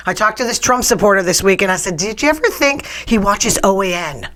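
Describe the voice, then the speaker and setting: Here the same kind of New England podcast host speaks in a mid-range, fairly bright voice that's animated and a little fast. Her casual rants are chatty, blunt and sarcastic, and the strain in her voice suggests she almost lost it.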